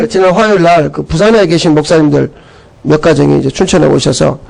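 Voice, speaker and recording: A man's voice: fairly high pitch, a little fast, vocal fry, darkish tone, low-quality recording. A man pastor preaching a sermon, emphatic and full of rhetorical questions, telling stories to make his point.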